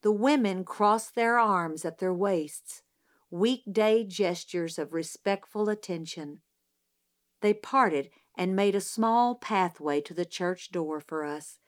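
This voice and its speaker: A woman narrates a novel aloud at an unhurried, deliberate pace. Her voice sits in a middle pitch and carries the story in measured, scripted narration. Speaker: audiobook narrator.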